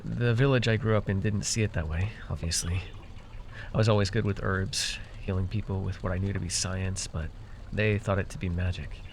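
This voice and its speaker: In a fantasy roleplay, a man voices a proud, easily exasperated young magical herbalist who gave away his name. He addresses the listener directly in a pensive, confiding mood, mixing theatrical airs with sheepish, stammering asides. His low voice is brisk with fairly even intonation, and there is a little hiss or hum.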